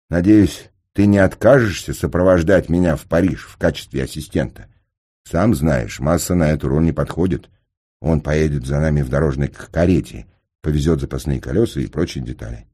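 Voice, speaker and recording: A man reading an audiobook, voicing a calm, ironic middle-aged gentleman engineer who speaks in a measured, dry way with slight stammers. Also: low voice, husky. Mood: amused.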